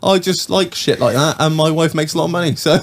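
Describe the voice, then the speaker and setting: A man's voice: on the high side, fairly quick, a little hiss or hum. A man, hosting a casual podcast chat, enthusiastic, swearing freely and laughing often. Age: 20s. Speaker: podcast host. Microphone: studio microphone.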